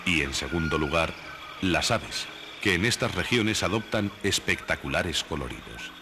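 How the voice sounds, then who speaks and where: A man reading scripted nature documentary narration in a measured, didactic way. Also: deep voice, expressive, background noise. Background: background music.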